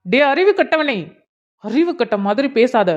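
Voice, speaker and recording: நேரடியாகக் கண்டித்தும் ஆறுதல் சொல்லியும் பேசும் விசுவாசமான இளைஞன் நண்பனாக நடிக்கும் ஒருவர்; கார்ட்டூன் நாடகக் குரல். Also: male voice, very high voice, expressive, a little slow. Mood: scolding. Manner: scolding then soothing, direct. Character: blunt loyal young male friend. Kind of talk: cartoon drama voice acting. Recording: dull lo-fi sound.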